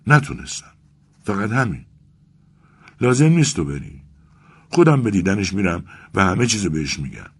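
A man's voice: deep voice, big pitch swings, gravelly, pauses often, breathy edge, voice pushed up, full character voice. A man voicing an anxious, tearful young clerk who pleads breathlessly in a raised voice. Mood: pleading.

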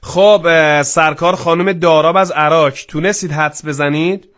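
A man hosting a live broadcast quiz, talking briskly with a pace that swings from slow and careful to quick, with frequent drawn-out fillers. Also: fairly high pitch, fairly even intonation, fairly bright tone. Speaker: quiz show host.

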